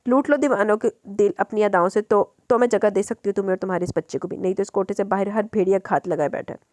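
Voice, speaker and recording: A woman's voice: mid-range voice, fast talker, a little mellow, dry recording, lightly acted. A woman voicing a harsh, scornful middle-aged brothel madam in an audiobook novel, with a mocking tone. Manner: contemptuous, mocking.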